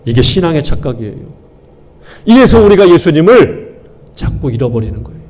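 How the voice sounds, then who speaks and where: Emphatic Korean pastor preaching. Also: male voice, fairly high pitch, very animated, fairly quick, darkish tone. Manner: call-and-response questions to the congregation, emphatic repetition. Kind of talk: sermon.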